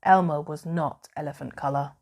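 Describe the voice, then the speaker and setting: With a low voice, a woman reads aloud from a children's bedtime story, taking it in a measured, expressive way and letting dramatic pauses hang.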